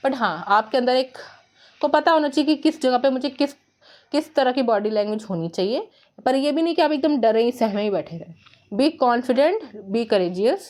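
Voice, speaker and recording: A woman giving an earnest motivational talk on speaking confidently, repeating her points and saying English phrases slowly. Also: high-pitched, lively intonation, a little mellow. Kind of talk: self-help talk to camera.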